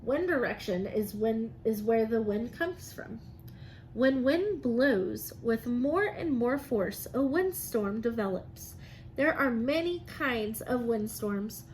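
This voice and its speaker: A woman's voice: fairly high pitch, lively intonation, slow, darkish tone, low-quality recording. A woman teacher reading aloud and explaining science to young children in simple, encouraging phrases. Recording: noticeable background noise.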